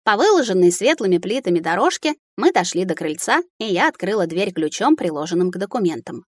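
A woman narrating a first-person fantasy audiobook in a lively reading voice. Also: fairly low pitch, brisk, no room sound.

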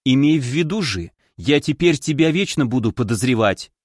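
A man voicing a suspicious, prickly young woman in an audiobook, sharp and grumbling. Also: mid-range voice, expressive, moderate pace, no echo, clean studio sound, close to an everyday voice.

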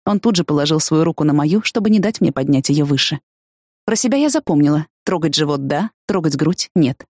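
Give me a woman narrating a first-person novel with expressive delivery and a dry studio sound. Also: low-pitched, a little fast, no echo. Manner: expressive, lifts voice for excited quotes. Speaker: audiobook narrator.

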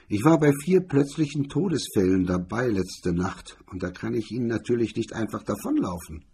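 A man's voice: fairly low pitch, a little mellow, slightly rough, full character voice. A man reading the part of a cool, sneering male blackmailer, in a mocking, condescending tone. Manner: mocking, condescending, hard-edged.

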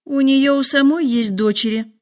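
A woman voicing a nervous, excitable middle-aged mother who complains in shrill, dramatic outbursts. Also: moderate pace, natural voice. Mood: fretful.

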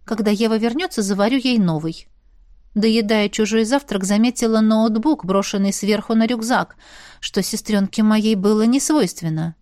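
A woman narrating a first-person audiobook in a lively, ironic storytelling manner. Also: medium pitch, normal speed, no room sound, clean studio sound.

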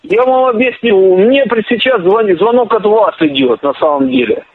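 A high-voiced man snapping down a tinny phone line in a prank call. He swears constantly and barks at the other end as if he were a police officer. The line sounds thin and squeezed. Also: normal speed, breathy edge. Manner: foul-mouthed, aggressive, claims to be a police officer. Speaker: prank caller.

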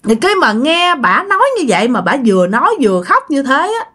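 A woman's voice: sits high, very animated, brisk, a bit bright, breathy edge. A woman telling a ghost story in a chatty way, speaking directly to her listeners. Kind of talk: casual ghost story narration.

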